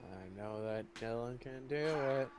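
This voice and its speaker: A man's voice: mid-range voice, unhurried, background noise. A man co-commentating a game casually, mostly with short, laid-back replies. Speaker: guest co-commentator.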